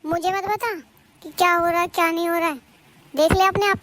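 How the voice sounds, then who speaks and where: A woman's voice: very high voice, steady tone, a little fast, background noise. A woman doing a nagging cartoon mother-in-law. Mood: lecturing. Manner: lecturing, boastful, scornful.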